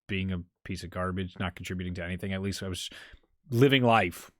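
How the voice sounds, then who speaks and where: A man's voice: sits low, a little fast, dry recording, studio quality. A young man co-hosting a podcast, telling stories in casual chat. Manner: animated storyteller, acts out quoted relatives. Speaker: podcast co-host.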